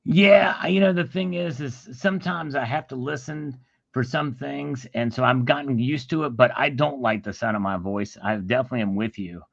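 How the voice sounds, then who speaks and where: Gravelly guy guesting on a stream, bright edgy tone, hesitant and wordy, dry close sound. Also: medium pitch, normal speed, no room sound, muffled recording. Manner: hesitant, stops to search for words. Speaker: guest YouTuber. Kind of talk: casual livestream chat.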